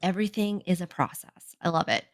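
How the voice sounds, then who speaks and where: A woman's voice: on the low side, brisk, dry recording, clean studio sound. A woman with a Boston accent co-hosting a business podcast, talking in an upbeat, enthusiastic way. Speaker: podcast co-host. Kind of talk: casual podcast conversation.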